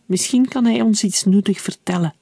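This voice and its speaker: A man reading aloud, voicing a reluctant, gentle young soldier in a spoken story. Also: sits high, normal speed, gravelly, no echo, clean studio sound, pitched above the performer's own voice. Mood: uneasy. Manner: hesitant, soft-spoken.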